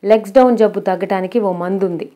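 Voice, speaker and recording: A woman's voice: mid-range voice, a little fast, dark tone, lightly acted. A woman voicing a cheeky, boastful young male college student with a playful way of talking.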